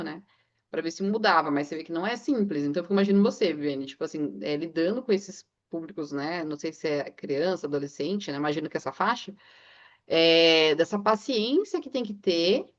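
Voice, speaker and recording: A woman's voice: lowish voice, lively intonation, brisk. Chatty woman on a muffled call. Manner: rambling, anecdotal, frequent filler tags. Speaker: book club participant. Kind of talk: casual chat.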